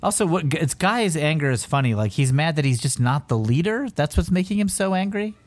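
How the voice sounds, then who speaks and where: A man's voice: fairly high pitch, animated, brisk. A man co-hosting a podcast, chatting casually and wryly about a comic book. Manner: chatty, wry, loose with fillers. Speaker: podcast co-host.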